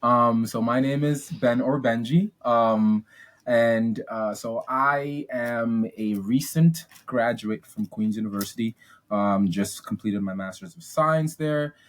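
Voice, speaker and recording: A Ghanaian man in his twenties tells his story as a guest on a podcast, upbeat and chatty, with lots of ums and restarts. His voice is mid-range and he takes his time.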